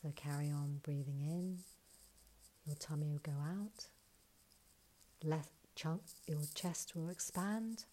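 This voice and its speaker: A woman leading a guided breathing exercise, counting breaths and giving calm, soft instructions, sometimes close to a whisper. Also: low voice, rough recording. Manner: slow soothing counting instructions.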